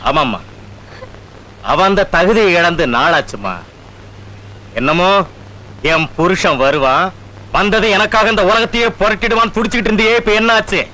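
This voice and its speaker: A man's voice: high-pitched, moderate pace, pauses often, pushed and bright, poor audio. An actor playing a middle-aged father-in-law who scorns and berates his son-in-law, in a film soundtrack with faint music. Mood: scornful. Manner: scornful, accusing. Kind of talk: film drama dialogue.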